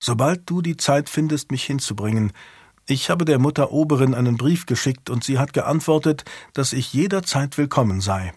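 A man's voice: medium pitch, expressive, normal speed, darkish tone, breathy edge, no echo, clean studio sound. Man voicing a weary, grieving old noblewoman. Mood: tender. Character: grieving noble widow, older woman, weary.

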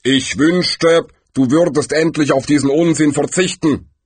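A man voicing Death as a calm, weary, unhurried figure in an audiobook. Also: medium pitch, breathy edge, no echo, voice pushed up.

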